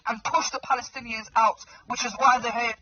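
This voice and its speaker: A woman's voice: on the high side, fairly even intonation, brisk. A woman hosting a live chat stream, ranting emphatically and loosely with lots of fillers. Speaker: livestream host. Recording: muffled with loud background noise.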